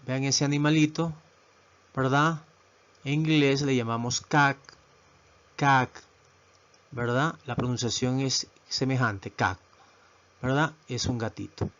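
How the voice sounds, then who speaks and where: A male teacher gives a video lesson at a very unhurried pace. He repeats each word and keeps checking in with his listeners. His voice sits at an ordinary pitch on a dull, lo-fi recording. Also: fairly even intonation. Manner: slow, repetitive, asks "¿verdad?" often. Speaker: English teacher.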